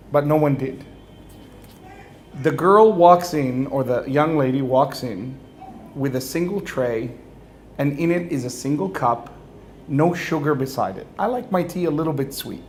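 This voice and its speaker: A man with a slightly higher voice tells a humorous story from his own life to a crowd. He acts out each side of the conversation in an animated way. A faint hiss of noise sits under his voice. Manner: animated, acts out dialogue, often laughs. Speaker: religious speaker. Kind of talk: humorous personal storytelling to an audience.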